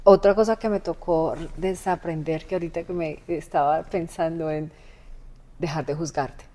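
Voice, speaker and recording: Low-voiced woman teaching emphatically. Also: steady tone, normal speed, warm tone. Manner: emphatic, instructive, repeats points with rhetorical "¿sí?". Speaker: host and mother.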